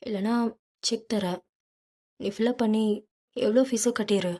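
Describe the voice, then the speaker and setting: A woman's voice: medium pitch, unhurried, warm tone, close to an everyday voice. A woman voicing a possessive, hot-tempered rich young man in an audiobook, speaking bluntly and insistently. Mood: teasing, offhand. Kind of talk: audiobook character reading.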